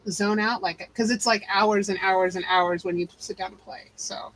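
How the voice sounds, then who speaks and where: A middle-aged woman hosting a casual live stream chat, animated and chatty. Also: mid-range voice, normal speed, slight background noise, low-quality recording. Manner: animated, chatty, says y'all. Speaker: channel host.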